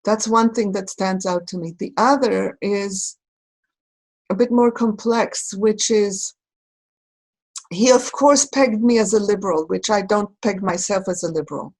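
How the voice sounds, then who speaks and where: A woman from Israel speaking reflectively in a recorded conversation, pausing and searching for her words. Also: medium pitch, fairly even intonation, darkish tone, rough recording. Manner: thoughtful, halting, searching for words. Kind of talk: reflective talk.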